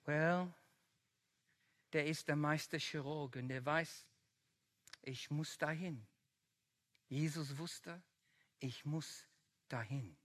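A preacher giving a sermon, slow and emphatic, building to loud climaxes. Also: mid-range voice.

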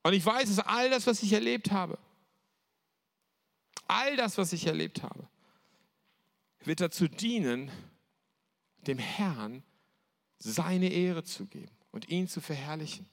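A male preacher delivers his sermon to a church gathering, driving points home by repeating them. His voice sits high for a man and has a gravelly fry in it. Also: lively intonation, slow, long pauses, a bit bright. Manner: emphatic, repeats key phrases.

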